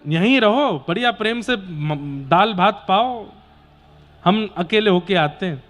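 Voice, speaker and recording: A man's voice: high voice, lively intonation, slow pace, a bit bright, full character voice. A preacher voicing a humble hungry holy man. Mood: pleading. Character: hungry wandering male devotee, humble.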